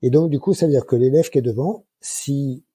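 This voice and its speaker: Guest: man, 60s, husky and very dark, lively colloquial storyteller. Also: mid-range voice, fairly quick, dry recording. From France. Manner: colloquial, lively anecdotes with many fillers. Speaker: guest, microlight flight instructor. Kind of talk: casual interview storytelling.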